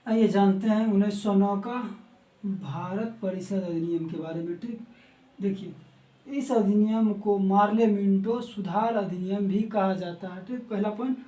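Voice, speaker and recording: A male teacher works through exam notes in a mellow, darkish voice, often trips over a word and starts it again, and keeps asking his listeners questions. He sounds set back from the microphone. The room adds a noticeable echo. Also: high-pitched. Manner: repeats key words and quizzes listeners with quick questions; stumbles and restarts words. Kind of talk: exam-prep history lecture. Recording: roomy echo, mic at a distance.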